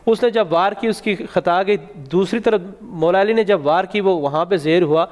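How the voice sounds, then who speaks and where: A man tells a religious story on a Ramzan broadcast, with rising emphasis on key points. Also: sits high. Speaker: religious speaker on a Ramzan show. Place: TV studio set. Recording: long hall reverb.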